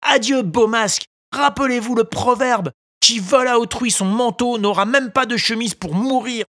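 A reader voicing a young wooden puppet boy, high and earnest, in a storybook reading. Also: normal speed, dry recording, studio quality, close to an everyday voice. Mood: scornful, taunting. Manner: high, excited, earnest pleading. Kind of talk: storybook narration.

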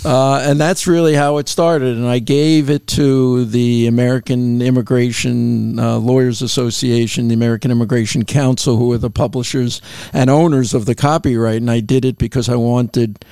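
An older man, a lawyer and professor, telling unhurried anecdotes in an interview, chuckling between stories. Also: medium pitch, fairly even intonation, creaky, warm tone, clear, resonant tone, no echo. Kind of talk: interview storytelling. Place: Miami.

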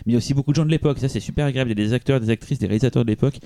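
A man's voice: medium pitch, racing, mellow, no room sound, studio quality. A man co-hosting a podcast, presenting a film in casual chat with frequent restarts and hesitations. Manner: rambling, many restarts and hesitations.

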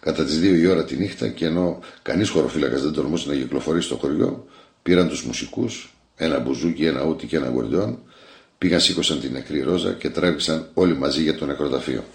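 Deep gravelly male storyteller. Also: darkish tone, roomy sound. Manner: measured, literary storytelling. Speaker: actor reading a short story. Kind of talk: scripted narration.

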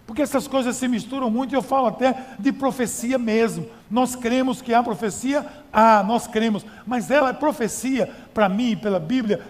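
A man's voice: very high-pitched, darkish tone, big-room sound. A male pastor preaching a sermon in a conversational style, with rhetorical questions and emphatic repetition.

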